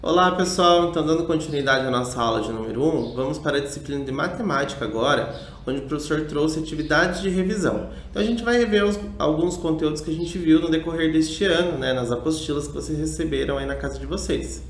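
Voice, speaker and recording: A man's voice: fairly high pitch, fast talker, slight background noise. A man teacher with a Brazilian Portuguese accent, introducing a recorded lesson to schoolchildren in a friendly way. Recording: roomy echo.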